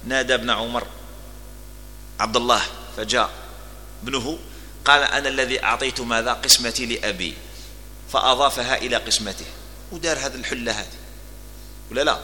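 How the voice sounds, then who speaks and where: A man's voice: mid-range voice, a little fast, long pauses, bright, forceful tone, big-room sound, a little hiss or hum. A man with an Algerian accent giving a religious lesson, telling stories and moving between formal Arabic and dialect. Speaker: preacher.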